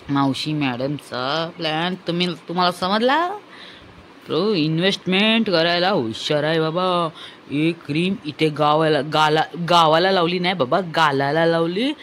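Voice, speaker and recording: A woman delivers comic commentary, teasing and mocking as she talks. She repeats phrases in a sing-song rhythm and keeps laughing between lines. A faint hum of room noise sits under her voice. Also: low-pitched. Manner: teasing, often breaks into laughter. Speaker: commentary vlogger.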